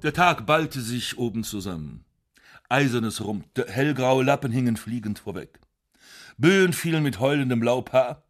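A man of middle pitch reads literary prose aloud. His delivery is dry, ironic and measured. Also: expressive. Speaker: narrator. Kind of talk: literary reading.

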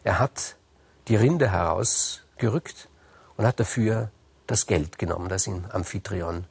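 A man retelling old myths in a loose, spoken way, pausing on fillers and restarting phrases. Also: lowish voice, husky, no room sound. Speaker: storyteller. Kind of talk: casual oral retelling of myths.

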